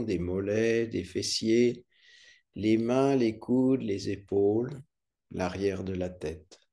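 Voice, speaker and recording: Slow, mellow man guiding deep relaxation. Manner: calm, soothing, unhurried with long pauses. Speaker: yoga nidra instructor leading a guided relaxation. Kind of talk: guided meditation.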